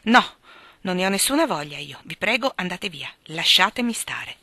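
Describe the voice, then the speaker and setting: A woman's voice: on the high side, sing-song, a little fast, pushed and bright, dry recording, voice pushed up, exaggerated voice. A woman doing a flustered, defiant young woman. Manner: agitated and capricious.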